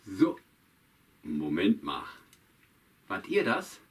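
A man's voice: sits low, huge pitch swings, very slow, heavily acted. A man voicing Kasper, a cheerful, chatty puppet jester who talks straight to the children in a puppet show. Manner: chatty, addresses children directly, drawn out. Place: outdoors on a town market square. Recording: distant mic, faint guitar music.

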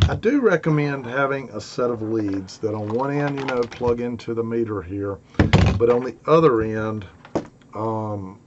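Raspy middle-aged man, noisy workshop recording. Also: fairly low pitch, highs cut off. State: congested and hoarse from a two-week cold and sore throat. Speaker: host of an electronics build tutorial. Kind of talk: casual instructional talk to camera. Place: home basement workshop.

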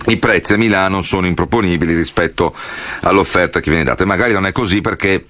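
A male radio host with a very low voice asks long, winding questions full of asides. His tone is measured and conversational. The sound is dull and lo-fi, like a radio broadcast. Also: a little hiss or hum. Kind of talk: radio interview.

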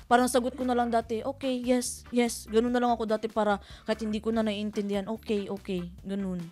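A woman from the Philippines, a radio co-host, telling stories in lively casual chat and laughing often. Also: fairly high pitch, brisk, faint music behind. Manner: animated storytelling, laughing often.

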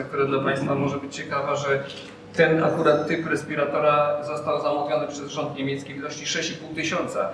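A middle-aged man talks through a surgical mask, pausing often with filler sounds as he addresses a press gathering. He sounds far from the microphone in a very echoey room. Steady background noise sits under his voice. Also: fairly high pitch. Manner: hesitant, many filler sounds. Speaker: hospital representative. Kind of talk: speech at a press event.

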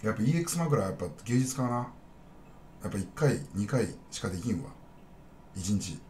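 A man's voice: lowish voice, lively intonation, brisk, darkish tone, a little hiss or hum. A man chatting casually on a live stream, rambling bluntly and talking straight to his viewers.

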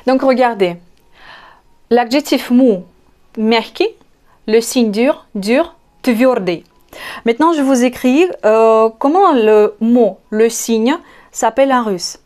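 A woman with a Russian accent, a native Russian speaker, teaching an online language lesson in a slow, patient way, spelling out letters and repeating each word. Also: on the high side, a little mellow.

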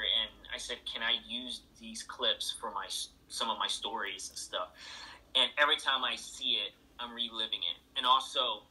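On a video call played through a laptop speaker, a middle-aged man, an author and thru-hiker being interviewed, speaks casually and emphatically, repeating phrases for effect. His voice is mid-range, bright and forceful, and the recording quality is low.

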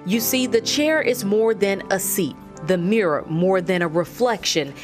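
A woman reporter giving a measured, scripted news narration. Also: mid-range voice. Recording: voice-over with music bed.

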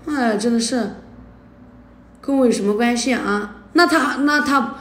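At night in an echoey indoor room, a woman argues indignantly on a livestream, scolding and repeating herself. Her voice sits a little high, with a fairly bright tone and an unhurried pace.

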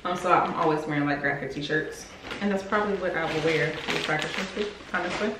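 A young woman with a deep, brisk voice presents a clothing haul as a vlogger, chatting casually and calling her viewers y'all. She's recorded by a camera on a desk in front of her in a room of a house being renovated, with a roomy echo and clear background noise.

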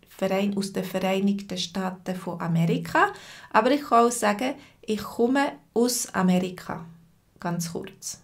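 A woman in her thirties with a Swiss German accent, giving a live-stream language lesson from home at her webcam and answering viewers by name. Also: mid-range voice. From Switzerland. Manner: slow, patient, repeats phrases and answers chat viewers by name. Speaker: language teacher.

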